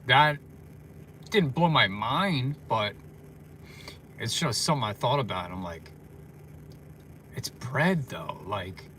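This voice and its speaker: A man's voice: medium pitch, animated, slow, pauses often, pushed and bright, slight background noise. A tired man chatting casually on a livestream from his parked car, rambling with lots of fillers. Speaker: vlogger.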